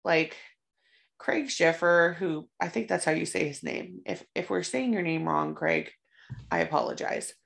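A woman's voice: lowish voice, measured pace, vocal fry, fairly bright tone. A young woman co-hosting a casual horror podcast, chatty and profane, with lots of fillers. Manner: chatty, swears freely, many fillers. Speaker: podcast co-host.

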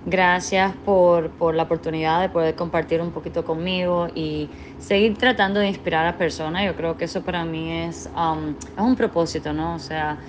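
A Cuban woman in her thirties, with a Cuban Spanish accent and a fairly low, steady voice, speaks at a moderate pace with few pauses. She's an earnest guest on a podcast interview, now and then dropping the English filler "so." Her audio comes over a remote call against a noisy background.

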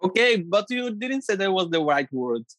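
A co-host in a casual chat who speaks broken English, halting and searching for words, on an earphone mic. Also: medium pitch, big pitch swings, a bit bright, dry recording. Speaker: podcast co-host. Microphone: earphone microphone.

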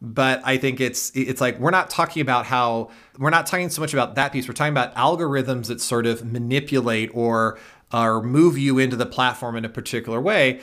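A man's voice: medium pitch, a little fast, fairly bright tone. A man co-hosting a casual tech podcast, explaining things at length with many restarts and fillers. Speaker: podcast co-host.

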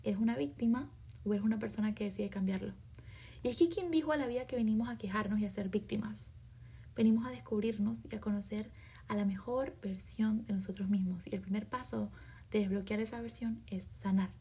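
A woman hosting a self-help podcast, talking emphatically with many rhetorical questions and slangy asides, often dropping into soft half-whispers. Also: medium pitch, a little fast, husky. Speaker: podcast host. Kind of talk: motivational self-help monologue.

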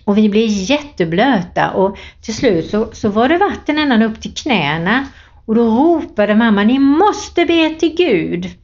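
A woman's voice: a little high, expressive. Earnest woman giving a devotional talk. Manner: earnest, plain storytelling. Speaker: lay preacher. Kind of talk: devotional talk with Bible reading. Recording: dull lo-fi recording.

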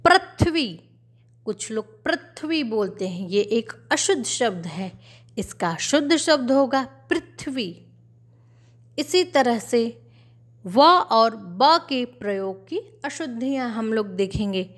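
A woman teaching a spelling lesson to children, drilling each word in a slow, careful, repetitive way. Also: on the high side, animated.

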